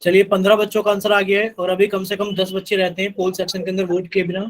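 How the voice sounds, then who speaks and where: A man's voice: sits high, completely flat delivery, quick pace, background noise. A man teaching a live online math class, patiently repeating instructions to his students.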